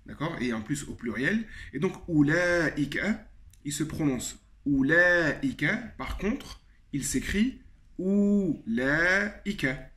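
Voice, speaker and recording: An Arabic teacher with a fairly high voice gives a video lesson, going through each point step by step. He slows down to repeat example words carefully and fills pauses with frequent hesitations.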